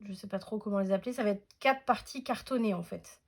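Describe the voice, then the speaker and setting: A woman's voice: mid-range voice, fast talker. A woman hosting a casual scrapbooking tutorial at home, chatty and hesitant, with many fillers.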